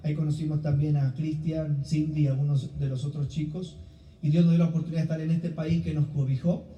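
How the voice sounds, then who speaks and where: The audio is lo-fi, roomy and distant, with faint background noise, captured in a church hall. A middle-aged man with an Ecuadorian Spanish accent preaches as a guest, introducing himself before his sermon to the congregation. His voice is a little high and dark-toned, with a level delivery at a fairly quick pace.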